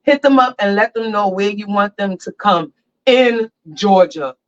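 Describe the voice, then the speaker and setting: In a barber chair, a woman hosts a casual, excited podcast chat straight into her phone. She talks unhurriedly in a mid-range voice, recorded lo-fi through the phone's microphone.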